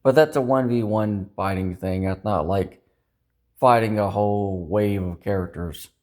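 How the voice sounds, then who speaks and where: An unhurried man with a fairly low, darkish voice rambles to camera as a personal vlogger. His confessional venting is upset, dejected and self-critical, punctuated by frequent swearing.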